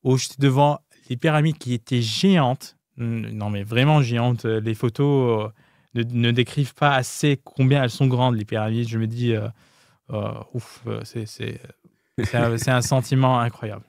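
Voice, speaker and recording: A man's voice: mid-range voice, steady tone, darkish tone, no room sound. Guy w foreign accent in french, not his first language, casual interview chat, hesitates and rewords a lot, dry recording. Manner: hesitant, pausing and rephrasing often as a second-language speaker. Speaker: podcast guest. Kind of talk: casual, candid interview talk.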